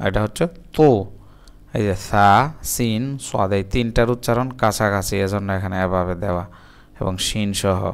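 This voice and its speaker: A man from Bangladesh teaching Quran reading, drawing out each letter and syllable slowly and explaining mouth and tongue positions patiently. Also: on the low side, smooth. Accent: Bangladeshi Bengali. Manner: drawn-out syllable by syllable recitation. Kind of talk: slow spelled-out pronunciation drill.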